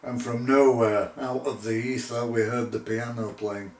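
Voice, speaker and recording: Guy telling a ghost story off the cuff, really slow n deliberate, bit far from the mic. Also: medium pitch, flat delivery. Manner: measured, deliberate, with pauses. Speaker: paranormal investigator telling his story. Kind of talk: unscripted spoken storytelling. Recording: roomy echo, distant microphone.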